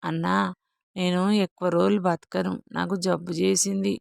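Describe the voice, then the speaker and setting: A woman's voice: on the low side, little pitch movement, normal speed, creaky, darkish tone, no room sound, clean studio sound. A woman voicing a naive frightened young wife. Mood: despairing. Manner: plaintive, innocent complaining.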